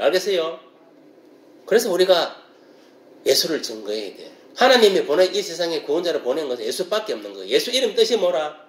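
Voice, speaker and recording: A man preaching a sermon, emphatic and asking the congregation rhetorical questions again and again. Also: fairly high pitch. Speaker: pastor. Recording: echoey room.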